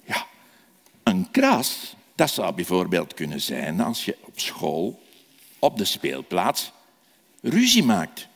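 A man telling a children's sermon, animated and asking the children questions. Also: deep voice, slow pace, gravelly, slightly rough. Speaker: children's preacher. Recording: echoey hall reverb.

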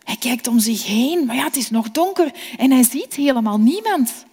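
A woman telling a children's Bible story gently and expressively. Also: sits high, animated, normal speed, slightly rough. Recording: long reverb.

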